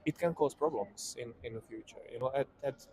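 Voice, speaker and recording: A man from the Republic, answering in a halting way with stumbling restarts. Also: medium pitch, a little mellow, low-quality recording. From Czech Republic. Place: city street outdoors.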